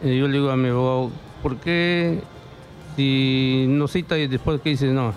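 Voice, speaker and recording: A middle-aged man tells his story in a radio studio, halting and repeating himself as he acts out what others said. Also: medium pitch, steady tone, soft background music. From Peru. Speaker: interviewee reporting bank fraud. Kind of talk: emotional testimony in a radio studio. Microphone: studio mic with headphones.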